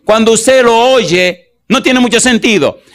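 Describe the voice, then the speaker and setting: A male pastor preaching a sermon, slowing down to read scripture and putting rhetorical questions to the congregation. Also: very high-pitched, a bit bright. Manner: slows to stress scripture verses.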